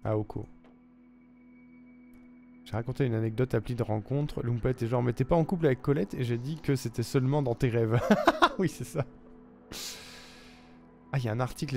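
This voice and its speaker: Mellow-voiced man with an Auvergne accent. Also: medium pitch. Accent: Auvergne French. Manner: joking, reads chat messages aloud. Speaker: streamer host. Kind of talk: casual live-stream chat.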